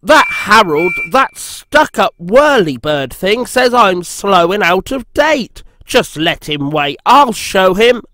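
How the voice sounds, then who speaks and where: A man's voice: lively intonation, a bit bright, heavily acted. A man voicing Percy, a cheeky little engine. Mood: indignant. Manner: high, eager, quick to take offence. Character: small cheeky young green tank engine, male. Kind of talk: storybook reading.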